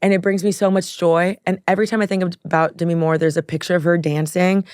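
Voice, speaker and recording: Lively woman telling stories. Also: on the low side, fast talker, clear, resonant tone, no room sound, studio quality. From Miami, USA. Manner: animated storyteller, acts out quotes, laughs often. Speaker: podcast guest. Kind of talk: casual chat.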